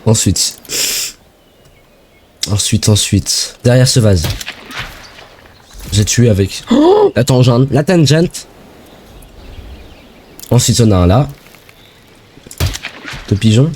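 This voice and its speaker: Young french guy hyped up narrating his game, slangy and chatty, mellow tone, bit of hiss behind. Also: medium pitch, huge pitch swings, takes it slowly, pauses often. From France. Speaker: gaming video creator. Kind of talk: casual let's-play commentary.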